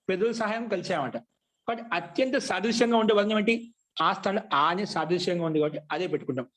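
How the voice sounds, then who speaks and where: A man giving a grammar lesson, asking questions and answering them himself, and slowly chanting rules. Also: sits high. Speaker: Sanskrit grammar teacher. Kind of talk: classroom lecture.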